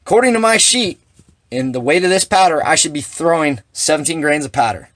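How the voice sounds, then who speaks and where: A man with a slightly higher voice, working through a hands-on demonstration of his equipment. He talks plainly and throws in dry, sarcastic asides. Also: animated, brisk, a bit bright. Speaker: shotgun reloading demonstrator.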